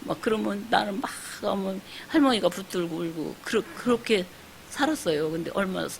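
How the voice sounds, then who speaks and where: A woman's voice: medium pitch, fairly quick, gravelly, rough recording. A woman in her sixties, a pastor's wife giving an emotional church testimony, telling her story earnestly with many fillers and acting out the voices of others. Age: 60s. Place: church service. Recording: faint hiss.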